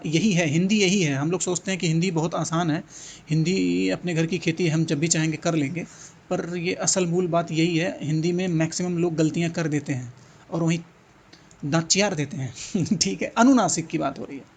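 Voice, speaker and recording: A man's voice: on the high side, creaky, a little hiss or hum. A man teaching an exam-prep lesson, thinking aloud, repeating sounds and answer options and urging students to answer. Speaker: Hindi exam tutor.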